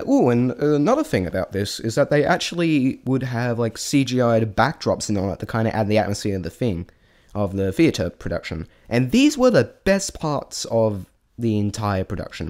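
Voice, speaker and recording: With a slightly mellow, mid-range voice, an amateur reviewer talks through his opinions without a script. His speech wanders and falters, full of stammers and sentences broken off partway.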